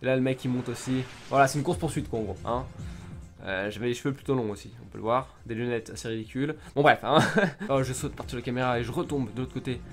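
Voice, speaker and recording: A man's voice: medium pitch, quick pace, soft background music. A young man, a gaming YouTuber, casually commenting on his old videos in a jokey, self-mocking way, laughing often and swearing casually into a desktop mic. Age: young adult.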